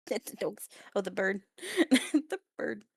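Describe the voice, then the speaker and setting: Giggly woman with a gravelly, lively voice. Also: a little high, dry recording. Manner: giggly, halting. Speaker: podcast guest, streamer. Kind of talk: casual podcast chat.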